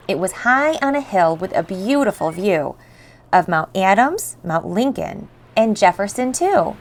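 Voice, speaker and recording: A woman reading a rhyming picture book aloud for children in an expressive, measured storytelling style. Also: medium pitch, slight background noise. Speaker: storybook reader. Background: faint background music.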